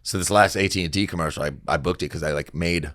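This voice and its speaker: A man with a deep, gravelly, low harsh voice, a comedian telling anecdotes in casual, slangy, sweary podcast chat. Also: fairly even intonation, fast, a bit bright, no room sound, clean studio sound. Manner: slangy, profane, bro-like. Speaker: comedian and actor, guest.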